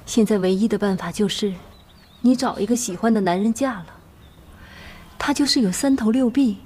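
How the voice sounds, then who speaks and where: Casting: middle-aged woman as a shrewd, motherly godmother, gentle but scheming. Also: mid-range voice, normal speed, a little hiss or hum, natural voice. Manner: soothing, scheming. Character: shrewd motherly official's wife. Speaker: official's wife, godmother. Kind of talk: TV drama acting.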